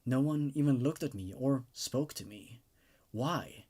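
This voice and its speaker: The host of these horror readings has a mid-range, slightly mellow voice with a breathy edge, and he takes his time. He narrates with dramatic emphasis and follows up with a relaxed, eager review.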